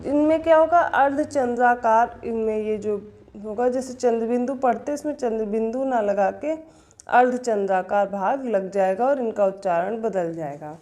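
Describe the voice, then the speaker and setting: A woman's voice: a little high, normal speed, darkish tone. A woman teaching an exam-prep grammar lesson, explaining step by step and answering her own questions.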